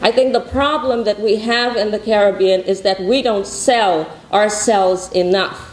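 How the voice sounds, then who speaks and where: Her medium-pitched, darkish voice stays steady and measured as she opens the conference she founded. The Guyanese woman's remarks are rousing and repetitive, recorded in an echoey hall with slight background noise.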